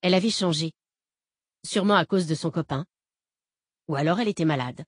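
A woman's voice: deep voice, fairly quick, no echo. Woman reading an audiobook, dry sound. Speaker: narrator. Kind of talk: audiobook narration.

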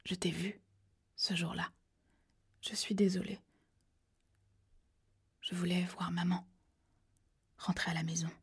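A woman's voice: lowish voice, little pitch movement, takes it slowly, pauses often, husky, full character voice. A woman voicing a dying wounded man who speaks in faint, broken whispered fragments, read as an audiobook. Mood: faint, fading. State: weak, fading. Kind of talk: audiobook reading.

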